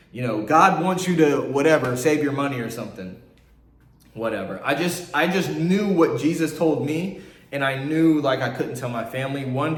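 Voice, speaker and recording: Earnest young man, near tears, echoey room. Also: medium pitch. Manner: earnest, halting, with many restarts. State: close to tears. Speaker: vlogger. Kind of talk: emotional personal storytelling.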